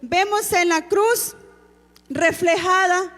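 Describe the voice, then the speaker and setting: A woman's voice: extremely high pitch, steady tone, slow pace, a bit bright, in a large hall. A woman giving a solemn, reverent devotional address to a church. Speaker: church speaker.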